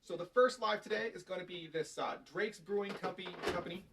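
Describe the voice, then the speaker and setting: A man hosting a casual beer tasting chat, talking quickly and joking around with his co-host. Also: sits high, a bit bright. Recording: distant mic with faint noise.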